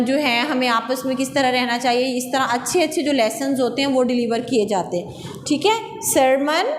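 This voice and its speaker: A woman schoolteacher with a Pakistani accent, slowly and patiently dictating English words and meanings to children in a class lecture. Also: sits high, fairly bright tone. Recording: echoey classroom, faint background noise.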